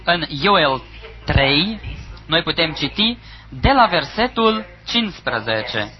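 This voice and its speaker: Lively-voiced man preaching. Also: on the high side. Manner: reads scripture aloud with emphatic pauses. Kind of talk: sermon. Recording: dull lo-fi recording with audience.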